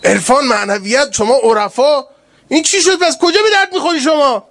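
A preacher voicing an indignant, demanding male pilgrim who scolds in a high, loud voice. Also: steady tone, vocal fry, heavily acted. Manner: shouting high-pitched scolding.

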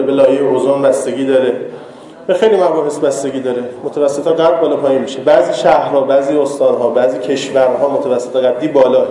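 High-voiced man preaching in an echoey hall. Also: dark tone. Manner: conversational, teasing, banters with the audience. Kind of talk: informal sermon. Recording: echoey hall with long reverb.

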